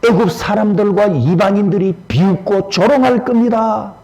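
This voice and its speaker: A man's voice: extremely high pitch, fairly even intonation, slow, pitched above the performer's own voice, rough recording. A man preaching voices Moses as an old male prophet, lamenting and pleading in an impassioned way.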